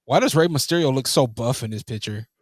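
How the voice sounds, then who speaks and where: A man co-hosting a podcast in casual chat, animated and teasing, laughing often. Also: medium pitch, fairly quick, dry recording, clean studio sound. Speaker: podcast co-host.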